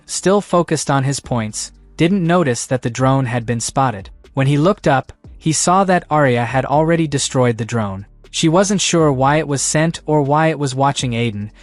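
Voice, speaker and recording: A man narrating a comic story recap in a steady, even storytelling voice. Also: mid-range voice, no echo. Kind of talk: scripted narration.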